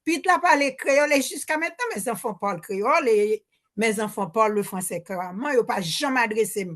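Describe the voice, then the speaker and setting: Fast and fairly bright, a little high in pitch, the voice belongs to an older Haitian woman asking a question from the audience at a public Q&A. She is hesitant at the handheld microphone, restarts often and mixes Creole into French in her spontaneous remarks.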